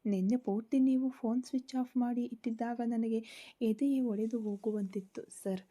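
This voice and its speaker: A woman voicing a tearful young wife apologizing to her husband over the phone, in a soft breathy voice. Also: a little high, steady tone, moderate pace, natural voice. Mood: pleading. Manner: pleading, soft breathy delivery.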